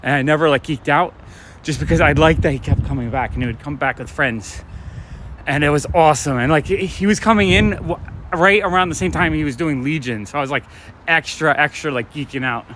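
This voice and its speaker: A man's voice: on the high side, a little fast, fairly bright tone. A man casually chatting and telling stories while walking outdoors at night, talking to viewers from a phone he holds. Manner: chatty, storytelling, talking to live chat. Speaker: vlogger and comic shop owner. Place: city streets at night, outdoors. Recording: light street noise, traffic.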